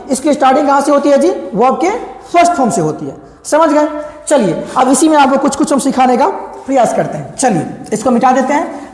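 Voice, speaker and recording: High voiced guy teaching english, keeps asking the class and answering himself, lots of room echo. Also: darkish tone. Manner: asks the class questions and answers them himself, repeating each example; often adds tag questions to check that students follow. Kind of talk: classroom lecture explaining grammar.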